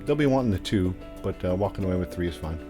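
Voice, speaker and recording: A man with a very low voice commentates on disc golf in a casual, explanatory way. Music plays clearly behind him. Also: lively intonation, fast talker.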